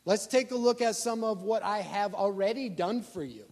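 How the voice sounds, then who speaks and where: A pastor preaching a sermon, asking the congregation rhetorical questions and swinging from loud emphasis down to quiet asides. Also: male voice, high-pitched, moderate pace.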